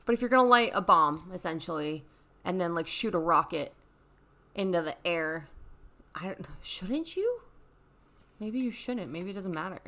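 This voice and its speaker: A woman's voice: fairly low pitch, lively intonation, normal speed, pauses often, sharp tone. Giggly woman reading out trivia. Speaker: podcast co-host. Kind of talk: casual chat.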